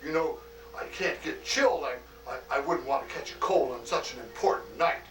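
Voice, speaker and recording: A man playing a hearty, fatherly old Santa Claus in an acted greeting monologue, chuckling often and talking in a slow, homely way full of "oh" and "why". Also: fairly high pitch, expressive, fairly bright tone, roomy sound, distant mic, soft background music, poor audio. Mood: jolly.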